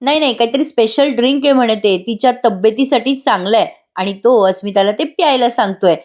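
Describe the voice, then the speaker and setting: A woman's voice: on the high side, fast talker. A woman giving a chatty voice-over review of a TV serial episode, speaking directly to her viewers. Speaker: serial recap narrator.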